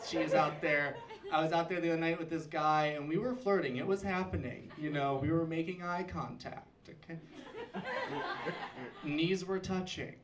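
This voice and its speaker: Young male comic, campy and punchy, slightly high voice, distant roomy club mic with loud background noise. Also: normal speed. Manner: campy, self-mocking, punchy delivery. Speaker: stand-up comedian. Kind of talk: stand-up set. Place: comedy club. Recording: roomy club sound from far off. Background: audience laughter.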